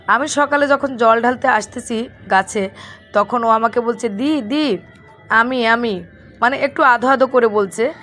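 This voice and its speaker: A middle-aged woman with a Bangladeshi Bengali accent, a little hoarse from a cold, chatting casually to viewers as a home vlogger in her kitchen. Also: on the high side, fairly bright tone. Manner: chatty, explains as she works. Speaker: vlog host. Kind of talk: casual home vlog chat.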